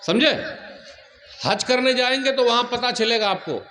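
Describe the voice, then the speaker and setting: A male Islamic preacher delivering a sermon to a large gathering, teasing the crowd with questions and reciting hadith quickly. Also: extremely high pitch, bright, forceful tone, a little hiss or hum. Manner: asks the crowd questions, jokes and teases.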